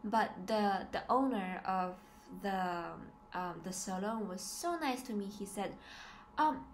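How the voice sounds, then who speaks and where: Speaking slowly in a mid-range voice, a woman in her twenties who studies overseas and vlogs opens up to her camera in a small plain room. Hesitant but emphatic, she frequently says things twice, and the home recording carries plenty of noise.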